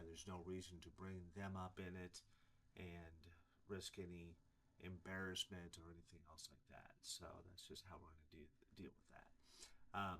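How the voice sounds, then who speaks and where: Casting: man in his 40s, deep voice, preacher telling his own story, loose and rambling, lots of ums. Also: fairly bright tone. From Illinois, USA. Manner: rambling, many fillers and restarts. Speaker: preacher giving his testimony. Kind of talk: casual personal testimony to camera.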